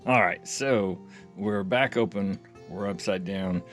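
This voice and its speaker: Slowly talking himself through a repair job, this deep-voiced audio repair vlogger sounds casual and folksy. His rambling, think-aloud style is that of a hobbyist video host, and faint music plays behind him.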